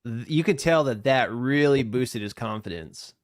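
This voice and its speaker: A man co-hosting a podcast, chatting casually as he reacts to a video, with frequent laughter and quick asides. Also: medium pitch. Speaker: podcast co-host.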